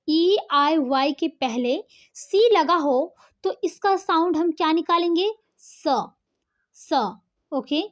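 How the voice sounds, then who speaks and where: A woman teacher giving an online English lesson, explaining step by step and often checking in with the learner. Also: high-pitched.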